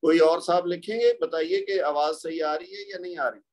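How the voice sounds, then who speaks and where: A man's voice: fairly high pitch, steady tone, a little mellow. A man teaching a Quran recitation class over a video call, patiently explaining and drawing out letter sounds. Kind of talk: online class lecture. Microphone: computer mic on a video call.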